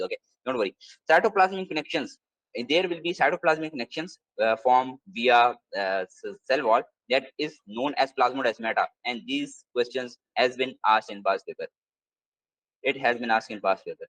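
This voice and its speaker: Teaching biology live online from his desk, this exam prep tutor hammers home key points through repetition, and his English phrasing is slightly non-native. His medium-pitched voice is fairly bright, with lively intonation at a moderate pace. The close computer mic gives a rough, dry recording with no room sound at all.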